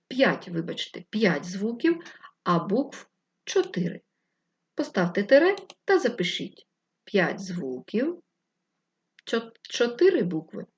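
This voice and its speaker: A woman teacher giving a distance-learning lesson to first graders, dictating instructions slowly and clearly. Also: medium pitch, a little mellow, highs cut off. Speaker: primary school teacher.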